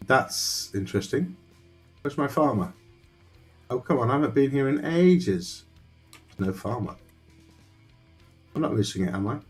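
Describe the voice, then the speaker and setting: A Dutch man live-streams a survival game, thinking aloud and rambling to his chat. His medium-pitched voice is expressive and a little slow, with long pauses and faint music behind him.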